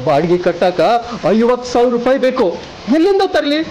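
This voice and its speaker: A man plays a despairing husband who speaks low and weary. His voice is fairly high for a man, and faint background noise sits under him. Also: very animated, brisk, warm tone, rough recording. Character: worried family man, broke and helpless.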